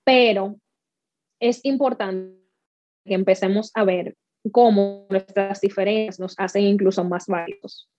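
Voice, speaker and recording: A woman's voice: medium pitch, steady tone, a little slow, darkish tone, highs cut off, faint music behind. A woman from the Dominican Republic, a guest in an interview, speaking candidly and earnestly and mixing in English words. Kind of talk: interview conversation.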